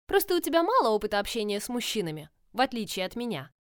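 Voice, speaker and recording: A woman voicing an impulsive, headstrong young woman in love, speaking insistently in a raised, higher voice in an audiobook. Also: very animated, quick pace, no room sound, clean studio sound.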